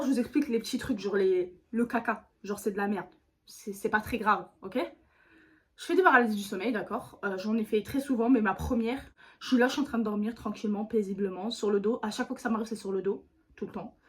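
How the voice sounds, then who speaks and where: A woman's voice: mid-range voice, brisk, fairly bright tone. A woman YouTuber telling a storytime to her viewers in a chatty, slangy way, speaking straight to the camera. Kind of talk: casual storytime vlog.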